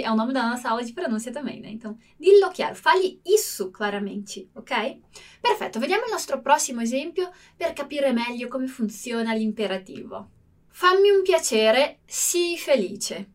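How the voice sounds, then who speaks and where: A woman with a high voice gives an online Italian lesson and explains grammar step by step. She often stops to check that her listeners follow. Her voice sounds a little distant from the microphone. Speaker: Italian teacher.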